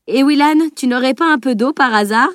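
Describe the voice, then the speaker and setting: A woman's voice: sits high, a little fast, a bit bright, no echo, clean studio sound, voice pushed up. A woman reading an audiobook, voicing an old male scholar who chuckles and teases. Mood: teasing. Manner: chuckling, teasing.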